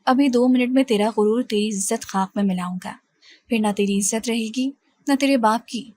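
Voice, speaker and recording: A woman's voice: fairly high pitch, dark tone, no echo, natural voice. A woman voicing a menacing young male thief who barks harsh threats in a storybook reading.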